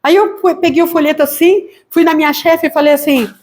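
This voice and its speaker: A woman missionary pastor with a Brazilian Portuguese accent, telling her church testimony in a lively way and acting out voices. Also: high voice, fairly quick. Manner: lively storytelling, acts out quoted voices.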